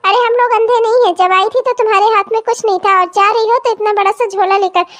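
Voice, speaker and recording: Jealous, sarcastic cartoon daughter-in-law. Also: female voice, extremely high pitch, fairly even intonation, fast talker, a bit bright. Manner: sarcastic, complaining, falsely sweet. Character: jealous, sharp-tongued young daughter-in-law. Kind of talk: cartoon comedy voice acting.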